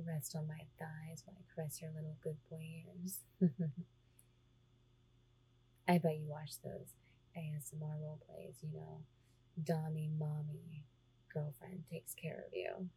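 A woman performing an intimate ASMR roleplay close to the mic, breathy and teasing, slipping between soft talk and whispers. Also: low-pitched, level tone, a little slow, long pauses, slight background noise, low-quality recording.

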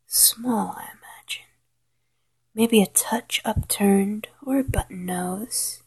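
A woman whispering a slow, coaxing guided hypnosis roleplay in a soft, intimate voice. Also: medium pitch, breathy edge. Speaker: hypnosis narrator.

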